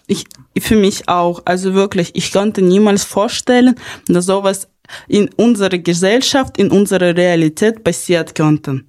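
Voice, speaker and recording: A woman's voice: mid-range voice, darkish tone. A young woman from Ukraine, hosting a podcast in an earnest, partly read style with small grammar slips. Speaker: podcast host.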